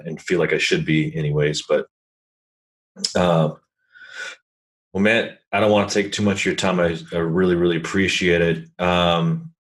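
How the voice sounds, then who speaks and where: Man, podcast host, very low voice, relaxed chatty delivery. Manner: laid-back and chatty, laughs easily. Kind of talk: casual interview chat.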